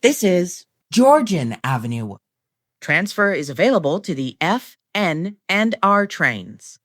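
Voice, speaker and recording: As an automated train announcer, a woman reads scripted transit lines in a fairly low voice. She delivers short, formulaic set phrases in a measured way, with lively pitch movement, and the sound is dry with little room echo.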